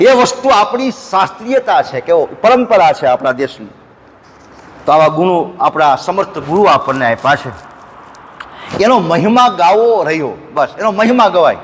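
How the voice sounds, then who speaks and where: A man preaching a devotional sermon at an ashram, telling folksy stories and breaking into slow sung verses. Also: on the high side, in a large hall, slight background noise. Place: ashram hall.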